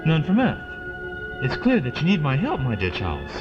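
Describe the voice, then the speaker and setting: A man's voice: fairly high pitch, huge pitch swings, normal speed. A man playing an eccentric, genial alien scientist in an audio drama, with theatrical, wordy politeness. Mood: confident, explaining. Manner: theatrical, whimsical, old-fashioned wordy politeness. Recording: dull lo-fi with loud music behind.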